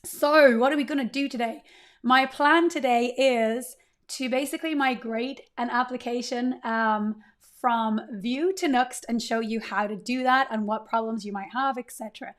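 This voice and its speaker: A woman in her thirties with a fairly high voice streams live coding from her desk, talking at normal speed in a chatty, upbeat way and greeting viewers often. Her voice sounds slightly strained as it recovers.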